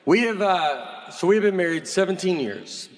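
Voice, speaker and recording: A man in his forties from the American South, telling stand-up stories in a deadpan, bemused drawl-free plain voice sitting a bit high for a man. He takes his time, leaning into pauses, and the live room hums with noticeable audience noise underneath. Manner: deadpan, slow, bemused storytelling. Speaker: stand-up comedian. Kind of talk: stand-up comedy routine. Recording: live theater with audience laughter.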